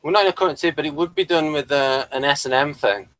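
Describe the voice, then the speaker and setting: A man hosts a podcast reviewing TV episodes, speaking fast in a slightly high, somewhat bright voice on a dry recording. His tone in the casual discussion is hesitant and probing, with a contrarian streak.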